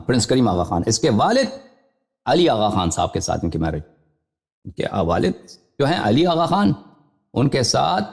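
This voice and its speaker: A man hosting a live call-in religious debate, combative and interrupting. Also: gravelly. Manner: combative and interrupting, voice swinging widely in pitch.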